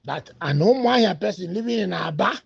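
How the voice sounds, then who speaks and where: Brisk and expressive, the man's high voice comes across creaky and husky. Speaking natively in Igbo with a Nigerian Igbo accent, he offers rambling, casual remarks that switch into English and back, peppered with hesitant fillers. The recording is dry, dull and lo-fi.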